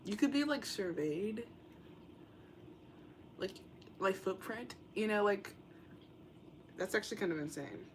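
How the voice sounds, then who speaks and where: A woman's voice: medium pitch, expressive, a little slow, pauses often. Young woman doing a chill tarot reading, rambly, lots of "like", hissy noisy mic. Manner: rambling, filler-heavy, meandering. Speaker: tarot reader.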